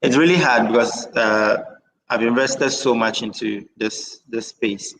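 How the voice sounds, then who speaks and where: A man's voice: medium pitch, unhurried, fairly bright tone. A man answering an interview, hesitant and pained, with many "uh"s. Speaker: guest, nonprofit founder. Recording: reverberant room with faint noise.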